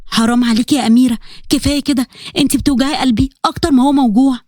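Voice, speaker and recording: A woman's voice: sits high, fairly even intonation, very fast, darkish tone, no echo, studio quality, close to an everyday voice. A woman voicing a consoling middle-aged mother with an Egyptian accent. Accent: Egyptian Arabic. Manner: consoling, imploring.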